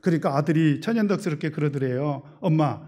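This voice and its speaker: A male pastor delivers a sermon in a high voice. He is emphatic and swings between loud and soft. He often poses rhetorical questions and leads the congregation in reading. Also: expressive, normal speed.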